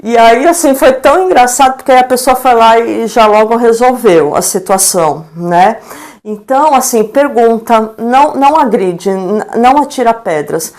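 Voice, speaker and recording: A middle-aged Brazilian woman talks in a slightly high voice, telling stories as a guest in a live-stream interview. She acts out the lines she quotes and keeps checking in with frequent tag questions. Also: animated, moderate pace, a little mellow. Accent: Brazilian Portuguese. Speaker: educator and guest.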